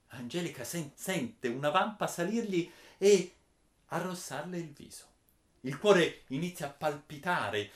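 Expressive male storyteller in an echoey room. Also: medium pitch. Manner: expressive, swings between hushed and emphatic. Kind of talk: dramatic storytelling of a chivalric tale.

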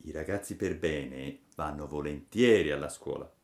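A gentle fairy mother, as a male storyteller voices her speaks softly and slowly. She lectures the child with calm, measured firmness. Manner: soft, low and measured, slow and admonishing. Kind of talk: storybook reading.

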